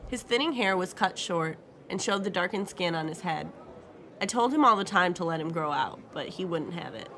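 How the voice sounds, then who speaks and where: A woman's voice: on the low side, expressive, normal speed, fairly bright tone. Wry woman narrating a crime story. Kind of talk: first-person story narration.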